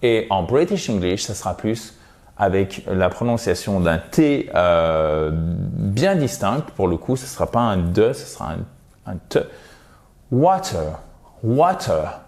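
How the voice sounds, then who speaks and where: A man's voice: sits low, expressive, a little slow, darkish tone. A man teaching English to French speakers in a video lesson, explaining patiently and playfully exaggerating example pronunciations.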